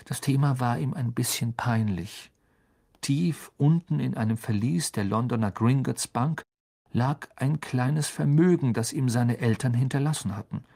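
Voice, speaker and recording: A man reading a storybook aloud as an expressive audiobook narrator. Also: mid-range voice, normal speed, creaky. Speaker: audiobook reader. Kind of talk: scripted narration.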